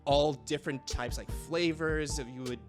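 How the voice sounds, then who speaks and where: A man playing a tabletop game, describing his character's actions in a halting way with many fillers. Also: fairly high pitch, steady tone, soft background music. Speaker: player. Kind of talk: tabletop role-play narration.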